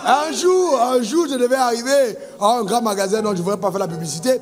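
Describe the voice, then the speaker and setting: A man's voice: very high-pitched, in a large hall. A male pastor preaching a sermon, calling on the congregation to answer amen. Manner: preaching with call-and-response amen prompts.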